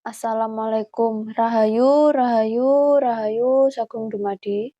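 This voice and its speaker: High-voiced woman in a hushed night vlog. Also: takes it slowly, no echo, muffled recording. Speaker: vlog host.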